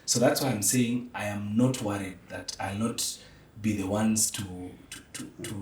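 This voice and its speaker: A podcast guest who works in theatre, this Kenyan-accented man talks reflectively and with philosophical emphasis, slipping from English into Swahili and back. His voice is lowish, darkish, fairly even in intonation, and moderately paced, captured far from the mic in an echoey room.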